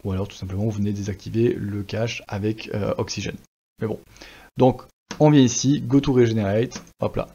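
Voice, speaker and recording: This WordPress tutorial comes from a relaxed French man whose voice is fairly low, brisk and slightly rough. He chats casually with lots of fillers and restarts over a screen recording, and the sound quality is slightly dull and lo-fi.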